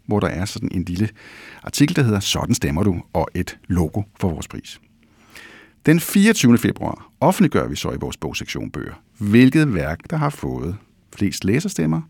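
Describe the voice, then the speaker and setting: A male podcast host gives a chatty announcement in a low, gravelly, husky voice. His pitch jumps about in a lively way. Faint music plays under him. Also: no room sound.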